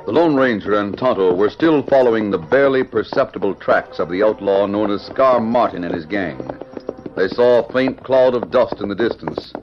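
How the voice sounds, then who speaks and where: A man's voice: on the low side, animated, moderate pace. A man narrating a radio Western in a dramatic, scripted old-time style. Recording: dull, band-limited old radio recording.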